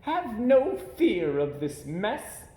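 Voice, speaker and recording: A man voicing a breezy trickster cat from a children's storybook, reassuring in a showy, drawn-out way. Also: high-pitched, wildly swooping pitch, dark tone, echoey room, pitched above the performer's own voice, full character voice. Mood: confident. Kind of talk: children's storybook read-aloud.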